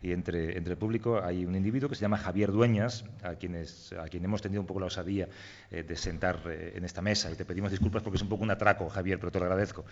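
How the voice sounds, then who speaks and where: Low fast guy hosting a live talk show, teasing, echoey hall, bit muffled. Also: steady tone, darkish tone. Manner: wry, teasing interviewer. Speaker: host. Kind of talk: casual talk show banter. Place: live show in front of an audience.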